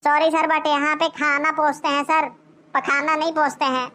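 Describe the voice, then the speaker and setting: A woman voicing a silly young male cartoon waiter who talks slowly and politely. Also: high voice, flat delivery, bright, forceful tone, a little hiss or hum. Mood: drawling. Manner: slow, drawling and polite. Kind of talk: cartoon voice acting.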